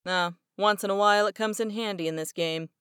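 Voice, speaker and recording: A woman's voice: medium pitch, a little fast, fairly bright tone, clear, resonant tone, dry recording, clean studio sound, natural voice. Johnny Ray, a woman reading a tough detective man. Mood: blunt. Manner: slangy, blunt tough-guy talk. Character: hard-boiled male detective, tough and callous.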